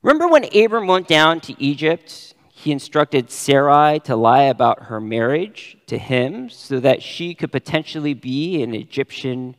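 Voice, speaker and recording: Expressive man preaching in a reverberant hall. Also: fairly high pitch, unhurried, hardly any pauses. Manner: expressive, stresses key words with sudden rises. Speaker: pastor. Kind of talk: sermon.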